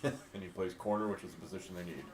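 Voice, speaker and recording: A man in a casual discussion, thinking out loud in a relaxed way. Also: sits low, fast. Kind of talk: casual draft pick discussion. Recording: echoey room with faint hiss.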